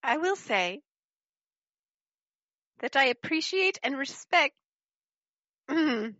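A woman's voice: high-pitched, lively intonation, slow, pushed and bright, no room sound, muffled recording, exaggerated voice. A woman voicing a prim, frank, strong female adventurer, speaking formally and earnestly in tabletop role-play.

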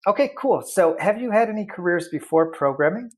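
A man's voice: high voice, expressive, fairly quick. A man hosting an interview podcast, asking questions in a friendly, joking, casual way. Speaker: podcast host.

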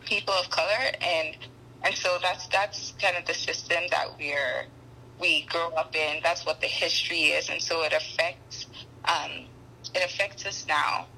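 A young woman who grew up in Ghana, a podcast guest speaking thoughtfully with frequent pauses and restarts. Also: low-pitched, steady tone, sharp tone, slight background noise, poor audio. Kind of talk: conversational interview.

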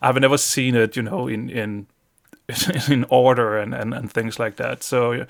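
Danish-accented man, gravelly voice, mid pitch, podcast co-host, casual halting chat. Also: steady tone. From Denmark. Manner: halting, many restarts and fillers.

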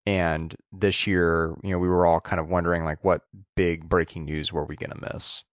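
A man co-hosting a casual podcast, talking in a halting way with pauses and restarts. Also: low voice, little pitch movement, fairly bright tone, no echo, studio quality. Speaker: podcast co-host.

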